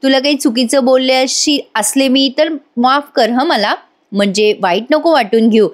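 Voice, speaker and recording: A woman's voice: high voice, moderate pace, lightly acted. A woman voicing a playful young sister-in-law who teases and then apologizes.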